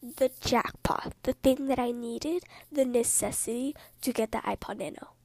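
A woman in whispered storytelling, speaking softly in a hushed whisper with rambling asides. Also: on the high side, dry recording. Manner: slow, hushed delivery.

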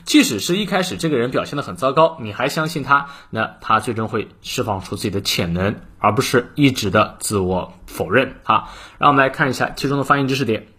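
Husky man teaching English phrases. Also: mid-range voice, lively intonation, sharp tone. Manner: explains word by word, then reads aloud slowly. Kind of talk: morning English reading lesson.

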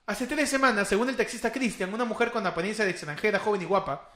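A young adult man with a Peruvian Spanish accent, hosting a casual chat and retelling spooky taxi stories with slang and animated asides. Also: sits high, fast talker, echoey room. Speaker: podcast host.

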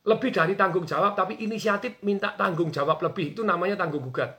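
A man talking on a radio show as a business coach, energetic and acting out quoted bosses and workers. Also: high voice, quick pace. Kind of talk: animated radio talk.

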